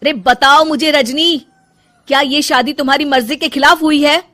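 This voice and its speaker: A woman's voice: sits high, fairly even intonation, moderate pace, pitched above the performer's own voice. A woman voicing a caring young husband who coaxes his upset wife. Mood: coaxing. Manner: coaxing, gentle.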